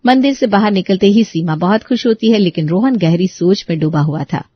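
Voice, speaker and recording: A woman narrating a family story in a steady scripted reading. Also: mid-range voice, fairly quick, no room sound, lo-fi sound.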